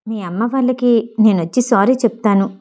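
A woman voicing a remorseful young man in an audiobook, speaking softly and apologetically. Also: a little high, moderate pace, lightly acted. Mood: pleading. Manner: soft, apologetic. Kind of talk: audiobook character voice.

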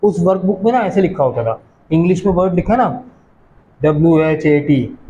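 In a lo-fi recording with slight background noise, a male college teacher from Pakistan walks his class through English pronunciation. He goes patiently, repeating words slowly and asking questions, his fairly high, warm voice rising and falling in a lively way.

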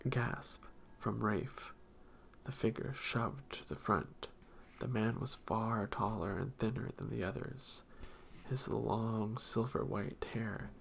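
A man reading a fantasy novel aloud in a soft-spoken voice that often drops into whispers. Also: medium pitch, creaky, a little hiss or hum. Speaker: audiobook reader.

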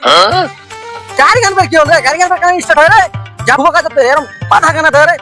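A woman's voice: high voice, fast, pushed and bright, soft background music. A woman voicing a stern, bossy father with a who orders and hurries his son around. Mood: hurrying.

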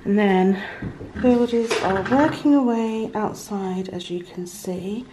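A woman's voice: medium pitch, slow pace, noisy background. A British woman in her thirties chatting casually to a handheld camera as she shows a house renovation. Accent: British English. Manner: chatty, talking to camera while walking around. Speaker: vlogger. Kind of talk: casual vlog chat. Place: house under renovation, indoors. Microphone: handheld camera at arm's length.

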